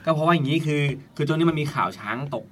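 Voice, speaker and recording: A man's voice: a little high, very fast. A man hosting a casual podcast, telling a story in a chatty way and repeating words as he thinks. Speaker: podcast host.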